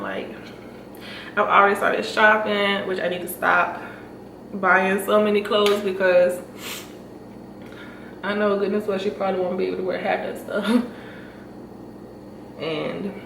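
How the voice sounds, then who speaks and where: A young female vlogger with vocal fry and a medium pitch chats casually to the camera, heavy on fillers and laughter. She sounds congested and breathless. The room echoes, the mic is distant, and there's noise throughout.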